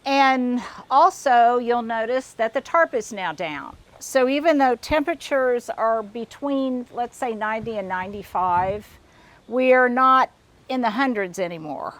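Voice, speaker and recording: A slightly high-voiced older woman walks viewers around her backyard garden. She talks casually and digresses, restarting phrases often, and sounds a little out of breath. She is recorded outdoors. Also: measured pace, a bit bright, dry recording. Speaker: garden vlogger.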